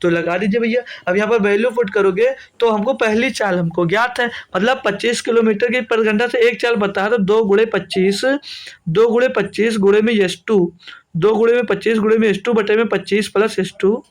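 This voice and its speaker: A man's voice: high-pitched, fairly even intonation, moderate pace. A man teaching an exam-prep maths lesson, talking steadily through each step, repeating himself and calling students brother and friend.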